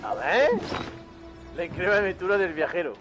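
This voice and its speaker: A man's voice: high-pitched, expressive, fast talker, music in the background. A man commenting casually on a game he is playing, joking and laughing. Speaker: gaming streamer.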